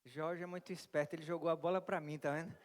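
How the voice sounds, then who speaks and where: Um pastor brasileiro pregando e fazendo perguntas à congregação, com um jeito animado e bem-humorado. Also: male voice, fairly high pitch, fast. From Brazil. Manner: lively, asks the congregation questions and jokes with them. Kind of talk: interactive sermon. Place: church hall. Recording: long church reverb.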